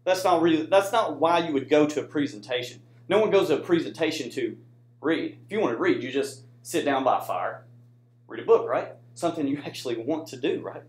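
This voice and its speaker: Speaking briskly and expressively in a fairly high voice, an American soldier acting as a student presenter addresses an audience in an indoor room. His informal slide presentation stays conversational, regularly punctuated by "right?", and the recording carries room echo.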